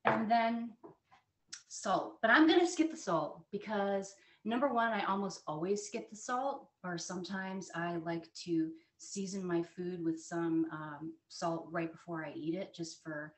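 A woman's voice: lowish voice, unhurried. Chatty woman demonstrating a recipe at home. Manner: chatty and friendly, frequent fillers. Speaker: cooking instructor. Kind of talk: live cooking demonstration. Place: home dining room, indoors. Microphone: fixed camera at a distance. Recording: echoey room.

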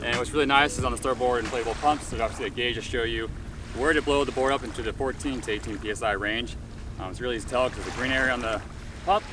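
A man's voice: medium pitch, rapid-fire. Chatty man on a distant camera mic. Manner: relaxed, chatty, upbeat. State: briefly out of breath after pumping. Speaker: paddleboard vlogger. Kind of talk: casual unboxing vlog. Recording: distant mic with background noise.

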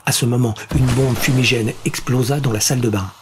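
A man reading a science-fiction thriller aloud in a steady, suspenseful narration. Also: mid-range voice, a little fast, noisy background. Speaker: audiobook narrator. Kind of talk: scripted narration.

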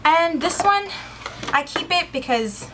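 A woman's voice: very high voice, lively intonation, slow, background noise. A woman chatting casually through a makeup review, a little out of breath, full of fillers and enthusiasm, recorded indoors on a camera mic. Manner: chatty, filler-heavy, enthusiastic about products. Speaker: beauty vlogger.

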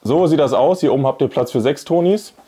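A man with a warm, breathy voice on the high side talks animatedly and quickly as he presents and demonstrates products. He's a YouTube host doing a casual, chatty review, recorded on a lavalier clipped to his shirt in a small indoor room with a plain wall.

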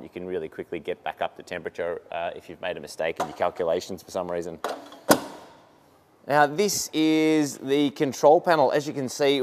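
A man with a fairly low voice and an Australian accent gives a relaxed, unscripted walkthrough of brewing gear. He talks with frequent ums and uhs. He is recorded on a handheld camera in a large indoor workshop. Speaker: equipment demonstrator. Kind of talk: casual product walkthrough.

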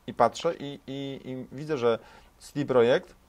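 A man's voice: medium pitch, steady tone, normal speed. A man in his thirties interviewing a guest, probing with challenging questions and hesitating with many fillers, on a lapel mic in a studio. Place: studio set with dark backdrop and sofas.

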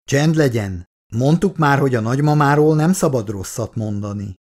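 A man voicing a brusque grown son who talks in a blunt, gruff manner. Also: mid-range voice, darkish tone, natural voice.

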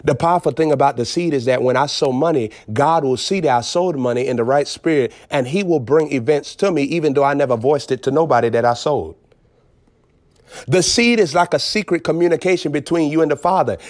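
A man preaching with emphatic swings between low intensity and raised outbursts. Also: a little fast, no room sound, studio quality. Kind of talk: preaching on a phone broadcast.

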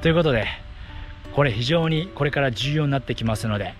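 Lively man talking while running. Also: mid-range voice, fast, faint music behind. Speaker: running vlogger and athletic trainer. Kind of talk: explanatory vlog to camera. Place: outdoors on a path by fields. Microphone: action camera at arm's length.

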